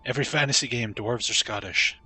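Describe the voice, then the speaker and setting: A male streamer giving casual commentary on a fantasy role-playing game, reading game text aloud in a relaxed way. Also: mid-range voice, brisk, breathy edge.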